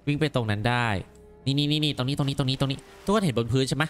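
A man commenting on a game as he plays, exclaiming and repeating words in quick excited bursts. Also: medium pitch, soft background music. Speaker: gameplay commentator. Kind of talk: let's play commentary.

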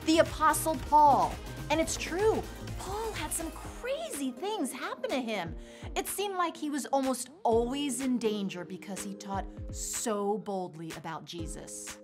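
A woman teaching a kids' Bible lesson in an animated storytelling way. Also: high-pitched, a little slow. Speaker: children's church teacher. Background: background music.

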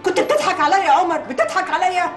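Brief: a stubborn, middle-aged Egyptian mother, rapid scolding talk. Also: very high voice, very animated, faint music behind. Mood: indignant. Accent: Egyptian Arabic. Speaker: mother-in-law.

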